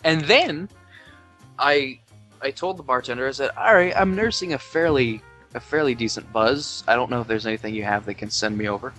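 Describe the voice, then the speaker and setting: A man's voice: mid-range voice, fairly quick, sharp tone, faint music behind. Tipsy twenty-one-year-old man, rambling. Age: 20s. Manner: loose, rambling, swearing, reading aloud with mock quoting. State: drunk. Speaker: podcast host. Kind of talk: tipsy casual podcast chat. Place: indoors at home, Tennessee.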